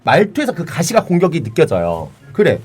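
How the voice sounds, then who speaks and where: Blunt man with a lively, high voice. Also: a little fast, breathy edge. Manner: blunt, boastful storytelling. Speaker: livestream host and bar owner. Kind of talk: casual livestream chat.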